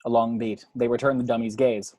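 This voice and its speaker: A man with a mid-range voice reads a screenplay's scene headings and action lines as scripted narration. His delivery is fairly quick, mellow and nearly flat in pitch. The recording is close and dry with no room echo, and the high frequencies are cut off.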